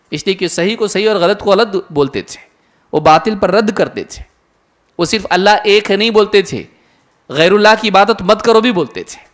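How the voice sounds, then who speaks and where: A man giving an earnest religious lecture to an audience, asking many rhetorical questions. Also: high-pitched. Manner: earnest, rhetorical questions, mimics imagined listeners. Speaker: Islamic lecturer. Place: lecture hall.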